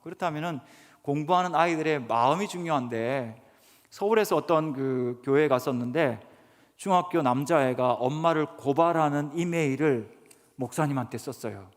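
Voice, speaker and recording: A man's voice: on the high side, normal speed. A man giving an earnest sermon lecture to a church congregation, often putting questions to the listeners. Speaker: guest speaker professor. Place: church sanctuary. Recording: reverberant church hall.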